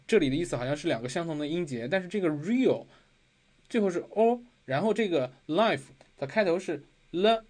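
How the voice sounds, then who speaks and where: Patient Chinese tutor repeating phrases. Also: male voice, a little high, expressive, brisk, darkish tone. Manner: explains patiently, repeats phrases, many fillers. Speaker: English pronunciation tutor. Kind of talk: recorded online lesson.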